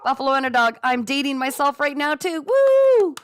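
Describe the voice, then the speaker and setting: A woman's voice: sits high, steady tone, fast, a bit bright, no room sound. A middle-aged woman hosting a casual live stream from home, reading viewer comments aloud and cheering viewers on in a chatty way. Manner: chatty and encouraging, frequent laughs, talks straight to viewers as "guys". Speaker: livestream host and psychic reader. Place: at home with her dogs.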